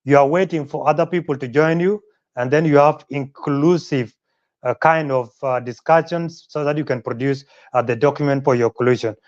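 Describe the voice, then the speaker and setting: A man's voice: fairly high pitch, fairly even intonation, normal speed, a little mellow, highs cut off. A man hosting a panel interview, polite and hesitant, with frequent filler sounds between phrases. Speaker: interview host.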